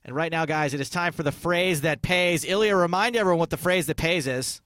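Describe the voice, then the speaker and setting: A man's voice: fairly high pitch, noisy background. A man hosting a poker radio show, chatting casually and cracking jokes between announcements. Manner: joking, quick banter.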